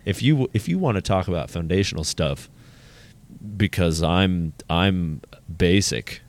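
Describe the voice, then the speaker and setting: Low-voiced joking podcast co-host man. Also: animated, unhurried. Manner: joking, self-deprecating, rambling with restarts. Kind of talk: casual chat.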